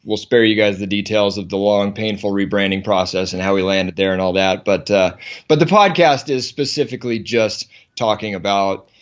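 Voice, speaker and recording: A man from the United States, a podcast guest, talking in an easygoing, halting way with many restarts. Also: on the low side, fairly even intonation, highs cut off. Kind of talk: casual interview chat.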